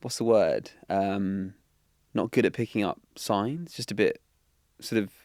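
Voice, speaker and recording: Young man, podcast co-host, soft and easygoing, very deep gravelly voice. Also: a little slow, no room sound, clean studio sound. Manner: soft-spoken and easygoing, quiet next to his co-host. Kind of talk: casual podcast chat.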